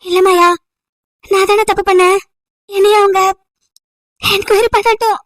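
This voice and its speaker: A woman's voice: very high voice, steady tone, unhurried, a bit bright, no room sound, studio quality, far from the mic. A woman voicing a young teacher who blames herself, tearful, in an amateur audio drama. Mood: guilty. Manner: tearful, self-blaming.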